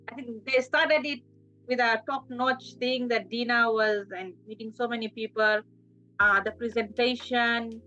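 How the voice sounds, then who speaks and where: A woman talks casually as a panellist. Her voice is bright and fairly high, over slightly muffled, lo-fi audio with faint music behind it. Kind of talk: casual chat.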